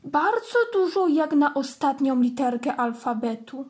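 A woman's voice: high voice, expressive, measured pace, darkish tone. A woman voicing a curious, easily offended little male kitten in a children's story reading, childlike and eager.

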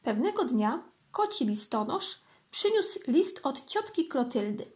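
A woman reads a children's storybook aloud with a high voice. Her reading is gentle and expressive, paced for young listeners. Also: a little slow.

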